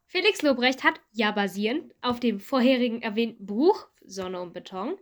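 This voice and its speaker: A young woman with a fairly high voice co-hosts a relaxed podcast conversation. She tells her stories with eager, chatty enthusiasm, piling up details as she goes. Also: moderate pace. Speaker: podcast co-host. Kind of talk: casual chat.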